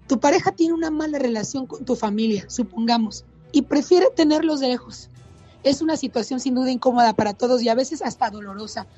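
A woman's voice: sits high, warm tone, slightly rough, lo-fi sound. A woman delivering a scripted relationship advice segment, earnest and direct, speaking to women listeners.

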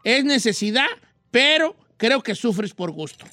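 A talkative old radio host, excitable and theatrical, with a very high, bright voice, as a man puts him on. He repeats words and stammers while he runs a call-in show, heard dry and close. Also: a little slow, dry recording, heavily acted.

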